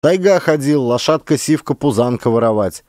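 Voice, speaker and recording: A man's voice: medium pitch, moderate pace, dry recording, clean studio sound, natural voice. A man voicing a scrappy young village boy who speaks in broken, ungrammatical phrases. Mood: pleading. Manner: broken ungrammatical speech, excited.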